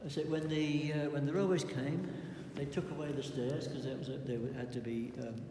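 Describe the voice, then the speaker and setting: Calm male museum guide, echoey hall. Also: fairly high pitch, fairly quick. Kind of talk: informal spoken guided tour. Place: large reverberant indoor space. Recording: noisy, echoey hall with long reverb.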